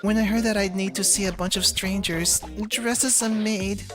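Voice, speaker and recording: A woman's voice: medium pitch, steady tone, normal speed, lightly acted. A woman voicing a shy, anxious young girl from a game, with a hesitant, stammering delivery. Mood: timid, anxious. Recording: music behind the voice.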